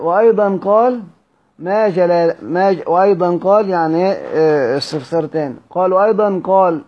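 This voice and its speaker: Egyptian man teaching, slightly high voice. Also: dull audio. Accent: Egyptian Arabic. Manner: repeats questions to students, drawn-out recited passages. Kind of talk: classroom lecture with slow chanted recitation.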